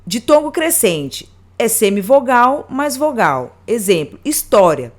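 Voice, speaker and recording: A woman teaching a grammar lesson, reading out examples slowly and deliberately word by word. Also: on the high side, big pitch swings.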